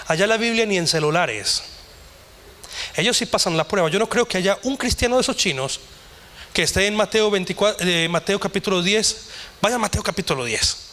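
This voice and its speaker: A man's voice: sits high, pushed and bright. A man preaching a sermon as pastor, quoting scripture and imagined voices as his intensity rises. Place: church.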